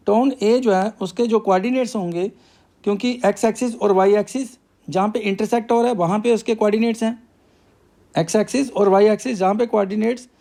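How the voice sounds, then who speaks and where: A male math teacher with a high, warm voice works through a problem step by step, asking himself questions before answering them.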